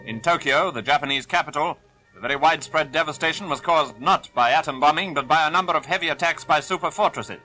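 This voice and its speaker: A man's voice: fairly high pitch, quick pace, over music, low-quality recording. A man narrating an old 1940s newsreel in a formal, stern, declaiming manner, played back from an archive soundtrack. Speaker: newsreel announcer.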